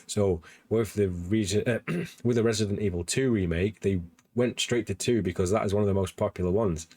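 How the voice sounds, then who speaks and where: A man with a very low voice hosts a casual gaming news livestream, rambling eagerly with lots of fillers and restarts. His voice sounds slightly worn, and the sound is dry and close with no room echo. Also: mellow. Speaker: podcast host.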